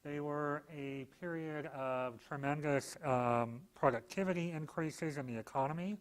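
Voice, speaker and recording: A man's voice: fairly high pitch, measured pace, rough recording. Dry-humored male law professor lecturing. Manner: dry, self-deprecating humor with frequent fillers. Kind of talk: public lecture.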